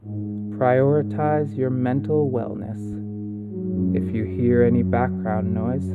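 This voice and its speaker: A man guides a relaxation session at a very slow pace, with a calm and soothing delivery. He leaves long pauses between phrases, in a medium-pitched voice. Calming plucked guitar plays clearly behind him. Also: narrow, tinny audio. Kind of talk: guided meditation narration. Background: calming guitar music.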